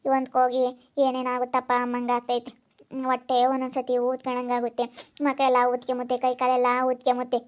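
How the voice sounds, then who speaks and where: A woman's voice: high voice, monotone, fast talker, lo-fi sound, natural voice. A woman playing a weary, ailing village woman who complains plaintively and repeatedly in an amateur skit. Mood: weary, tearful.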